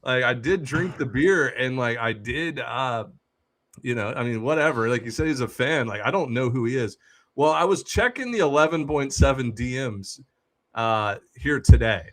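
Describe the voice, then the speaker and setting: Animated young man telling a story. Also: medium pitch, moderate pace. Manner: animated storyteller, acts out quoted voices. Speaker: podcast host. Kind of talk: casual storytelling chat.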